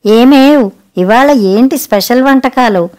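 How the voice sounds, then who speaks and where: A woman's voice: on the high side, unhurried, darkish tone, lightly acted. A woman voicing an impatient grumbling husband. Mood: demanding. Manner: demanding, grumbling. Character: husband craving special food, impatient.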